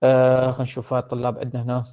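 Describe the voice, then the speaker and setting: A man with an Iraqi Arabic accent giving an online university lecture, switching between Arabic and English, slowing down for definitions and often hesitating over words. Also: mid-range voice, monotone, warm tone, clean tone. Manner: mixes Arabic and English, slow deliberate English definitions, frequent hesitations. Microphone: computer mic in an online class.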